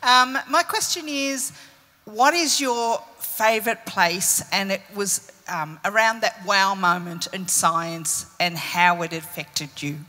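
A woman's voice: medium pitch, slow, sharp tone. A woman from Australia in the audience asking a panel a polite, slightly hesitant question. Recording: long reverb of a hall.

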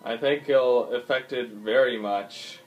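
In poor audio with faint game music behind him, a gaming YouTuber gives casual play-by-play commentary, swearing and thinking aloud with plenty of ums. His medium-pitched voice moves a little slowly.

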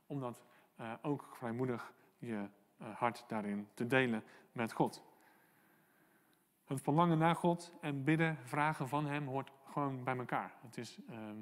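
Man, pastor giving a sermon, earnest, encouraging, hesitant fillers, mid-pitched voice, long hall reverb. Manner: earnest, encouraging, many hesitations and quoted prayers. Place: church hall.

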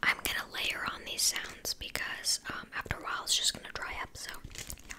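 A young woman doing ASMR in a soft, breathy whisper, chatting casually close to the microphone, with tingly mouth sounds and repeated words. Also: a little fast. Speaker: ASMR creator. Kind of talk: whispered ASMR, casual one-sided chat. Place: small indoor room. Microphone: close desktop condenser microphone.

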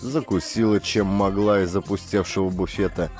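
A man reading an audiobook in steady, dramatic scripted narration. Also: sits low, normal speed. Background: faint music.

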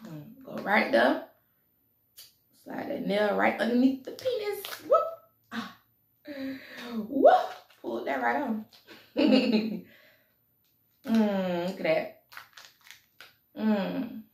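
Woman vlogger, gravelly, mic a little off, roomy echo; casual chat with humming between bites. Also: fairly high pitch, sing-song, slow, pauses often, distant mic, a little hiss or hum. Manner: chatty, laughing between bites, lots of mm sounds. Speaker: mukbang vlogger. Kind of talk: casual eating vlog chat. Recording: echoey room, voice a bit off-mic.

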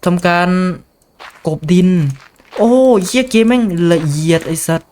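A man hosting a casual let's play, swearing constantly and reading the game's text aloud and translating it as he goes, with excitable outbursts. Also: high voice, a little slow. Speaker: gaming channel host.

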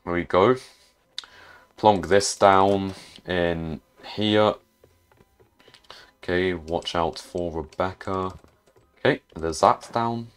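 A man talks through a video game in a very low voice. He takes his time, hesitating and trailing off as he thinks aloud. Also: slow pace, long pauses, smooth. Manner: hesitant, muttering to himself with restarts. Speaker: gaming YouTuber. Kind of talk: casual gameplay commentary.

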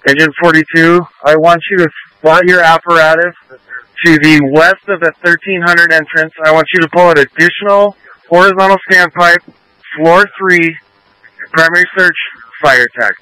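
Crisp man commanding over two-way radio. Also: fairly high pitch, steady tone, normal speed, sharp tone, dry recording, low-quality recording. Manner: terse, directive. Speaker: fire incident commander. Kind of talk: radio dispatch orders.

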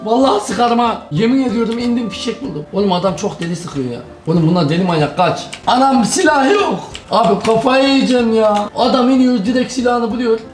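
A man giving casual gaming commentary to his viewers, excitable and quick to shout and curse at opponents. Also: very high-pitched. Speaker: gaming YouTuber. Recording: roomy sound with loud background music.

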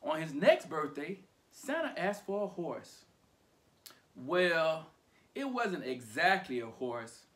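A man reading a children's picture book aloud for storytime. His voice is high for a man and swings widely, full of playful lilt. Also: very animated, slow, fairly bright tone.

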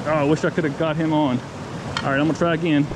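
A man vlogging while fly fishing by a mountain creek, talking casually to the camera and getting excited and repeating himself when a fish bites. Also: a little high. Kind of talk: casual outdoor narration. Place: outdoors by a rushing mountain creek. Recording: outdoor recording with loud stream noise. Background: rushing stream water.

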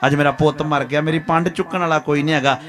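A man's voice: on the high side, fairly even intonation, fast talker, a bit bright, soft background music, close to an everyday voice. A man voicing an old grieving villager who leans on a cane and tells his story through tears. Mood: sorrowful. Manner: tearful, plain telling.

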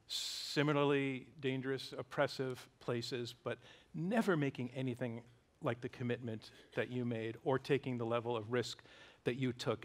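A man in his sixties hosting an onstage conversation, with a measured, emphatic broadcaster delivery. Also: medium pitch, fairly bright tone. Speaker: debate host and moderator. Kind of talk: onstage interview. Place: large theater stage with audience.

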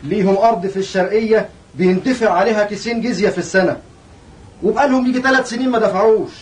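An actor playing an obedient, businesslike tax clerk with an Egyptian accent in a historical audio drama. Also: male voice, high-pitched, racing, close to an everyday voice. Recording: distant, faint noise.

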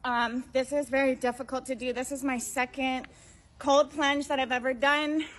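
A woman's voice: high voice, level tone, moderate pace, fairly bright tone. A young woman vlogging casually to camera outdoors, tense and breathless as she sits in ice cold water. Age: young adult. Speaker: content creator reviewing products. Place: outdoors in a backyard, sitting in an ice bath.

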